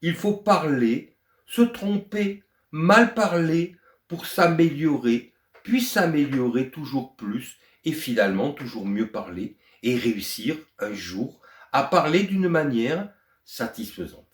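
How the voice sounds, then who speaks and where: An older man teaching French to foreign learners, speaking deliberately and clearly in a lesson. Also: a little high, roomy sound. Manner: deliberate, lively melodic teaching voice. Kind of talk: slow explanatory lesson to learners.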